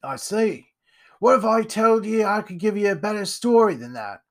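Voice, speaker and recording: A man doing a gruff, gravelly old captain. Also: high voice, lively intonation, normal speed, fairly bright tone, full character voice. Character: gruff old male pirate captain, scarred and boastful.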